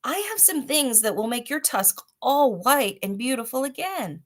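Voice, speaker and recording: A woman's voice: on the high side, sing-song, normal speed, voice pushed up. A woman voicing a polite, eager young boy in a children's storybook, earnest and pleading. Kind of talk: children's storybook read aloud.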